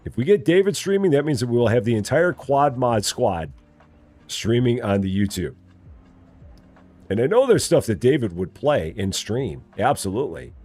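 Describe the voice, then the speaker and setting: During a live game stream, a gaming streamer with a General American, Midwest Illinois accent chats casually while playing. His mid-range voice swings widely in pitch at a normal speed with a slightly mellow tone, and he repeats himself and teases playfully.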